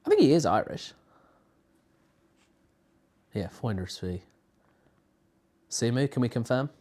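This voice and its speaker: A sarcastic man hosting a casual stream, tossing out dry jokes and swearing freely. His voice sits at an ordinary pitch for a man but moves around a lot. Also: animated, slow, dark tone. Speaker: stream host. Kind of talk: casual watch-along chat.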